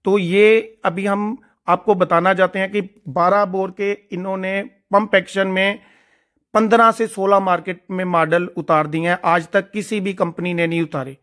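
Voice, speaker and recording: A man's voice: high-pitched, fairly bright tone. A man narrating a casual vlog while touring a large factory floor, talking eagerly to his viewers. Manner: enthusiastic, addresses viewers as friends. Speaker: gun shop vlogger touring a factory.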